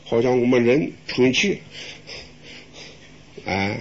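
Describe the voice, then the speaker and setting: A man's voice: mid-range voice, expressive, slow. An older man, a Buddhist monk, giving a folksy dharma talk, answering questions with rhetorical questions and chuckles. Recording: dull lo-fi recording.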